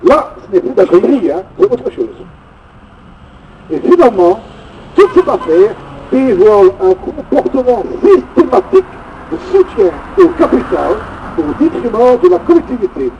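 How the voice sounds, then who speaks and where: A man with a Belgian French accent speaks at a citizens' rally outdoors, working from notes in an indignant, emphatic political speech peppered with sardonic remarks. His very high voice is highly animated and moves at normal speed; the recording is muffled and distant, with faint traffic behind.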